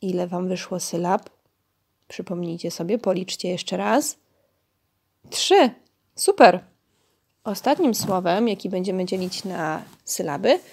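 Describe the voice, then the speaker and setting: Slow, encouraging woman teaching small children. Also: medium pitch, mellow. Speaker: preschool teacher. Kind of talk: online lesson for young children.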